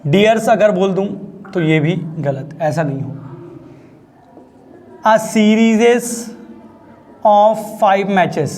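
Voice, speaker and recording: Chatty male English grammar teacher, high voice. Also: darkish tone. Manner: chatty, repeatedly asks students if they understood. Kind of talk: classroom lesson, explaining.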